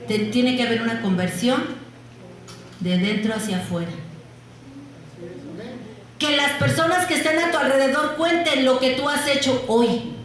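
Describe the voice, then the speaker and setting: A woman preaching a sermon. She asks the congregation questions and answers them herself, and she stretches key words slowly for emphasis. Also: sits high. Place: church. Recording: very echoey church hall.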